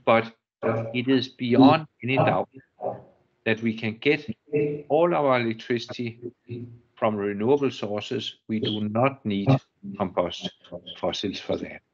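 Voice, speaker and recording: An older man from Denmark with a Danish accent, giving a technical lecture in a measured, halting way, often restarting and repeating words. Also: medium pitch, dull audio. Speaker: guest lecturer. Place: university lecture room.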